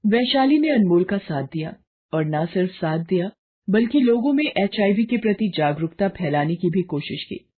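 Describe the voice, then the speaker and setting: A woman reading a family drama aloud as a storyteller, dramatic and emotive, with a husky, breathy voice. The audio is thin and phone-like. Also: fairly low pitch, lively intonation, moderate pace. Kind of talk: scripted story narration.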